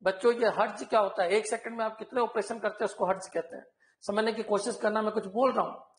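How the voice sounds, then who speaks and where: A man teaching an online computer class, repeating key points and often asking his students whether it is clear. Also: high voice, fairly even intonation, fast, roomy sound, rough recording. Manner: repetitive, keeps checking "clear?" with students.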